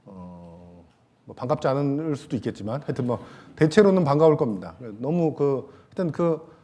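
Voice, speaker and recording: A male pastor giving a Sunday sermon in a church, talking casually and joking with the congregation, with many soft fillers and trailing pauses. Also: medium pitch, animated. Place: church sanctuary.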